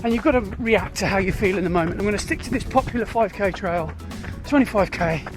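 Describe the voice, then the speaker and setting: A man's voice: high-pitched, quick pace, over music. A British man vlogging while running, tired and a bit dizzy, talking candidly and with self-deprecation. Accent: British English. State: tired and dizzy mid-run. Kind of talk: casual vlog narration.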